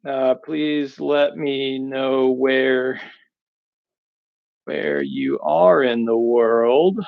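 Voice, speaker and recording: A man's voice: medium pitch, lively intonation, extremely slow, vocal fry, narrow, tinny audio. Rambling man on livestream headset audio. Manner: rambling, chatty, talks to viewers while working. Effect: livestream headset mic audio. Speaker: knife sharpening host. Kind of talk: casual livestream chat. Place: workshop.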